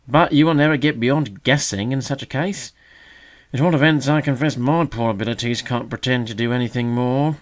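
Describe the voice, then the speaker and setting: A man voices a conceited older male magpie, pitching above his own natural voice into a raised, pointed delivery. At medium pitch and moderate pace, he mocks with sneering, fake solemnity.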